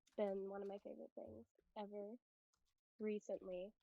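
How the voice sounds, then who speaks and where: A woman's voice: mid-range voice, level tone, moderate pace, vocal fry, no room sound. A woman giving a casual, upbeat introduction on a podcast. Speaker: podcast guest. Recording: muffled lo-fi mic.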